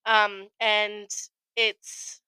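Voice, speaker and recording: A woman co-hosting a podcast in casual chat, a little congested from a cold and quick to laugh. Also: medium pitch, little pitch movement, sharp tone, clear, resonant tone, no room sound, poor audio. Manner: chatty, laughs often. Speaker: podcast co-host. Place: home podcast studio.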